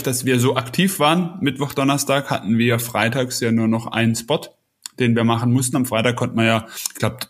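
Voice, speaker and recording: Male podcast co-host, casual and rambling, mid-range voice. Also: mid-range voice. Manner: chatty, many fillers and restarts. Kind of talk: casual chat.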